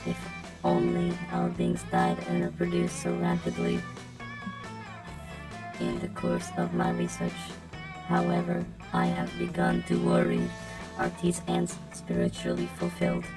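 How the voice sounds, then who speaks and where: A woman's voice: huge pitch swings, measured pace, vocal fry, exaggerated voice. A woman speaking through a voice changer that drags her voice far down, voicing a formal, curious male robot who studies organic life with stiff, polite phrasing. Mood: earnest. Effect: voice changer pitching the voice far down. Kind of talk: reading game dialogue aloud with a friend. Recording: loud music playing behind.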